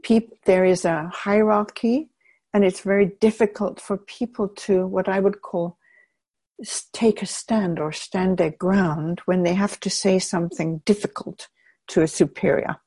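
An older woman from England giving measured, thoughtful interview answers, with frequent restarts as she gathers her words. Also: mid-range voice, fairly even intonation, mellow, husky, no room sound. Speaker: interviewee, peace researcher.

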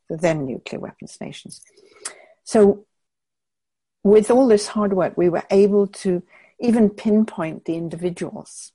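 An older woman from England speaks slowly and thoughtfully, working through her ideas with small restarts. Her voice sits low and mellow with a husky edge. The recording is dry and close. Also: dry recording. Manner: measured, thoughtful, with hesitant restarts. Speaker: interviewee, peace researcher. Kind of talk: reflective interview answers.

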